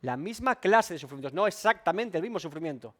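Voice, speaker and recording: Pastor guy teaching a bible study, high animated voice, keeps rephrasing and asking questions. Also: quick pace. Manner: emphatic, repeats and rephrases points, asks rhetorical questions. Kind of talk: expository Bible study sermon.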